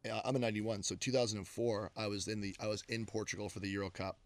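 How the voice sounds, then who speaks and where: A Canadian agency co-founder in his thirties appears as a guest in a casual interview in a radio studio, speaking into a studio mic. His voice is lowish and even-toned, and he talks fast, relaxed and enthusiastic, with lots of fillers.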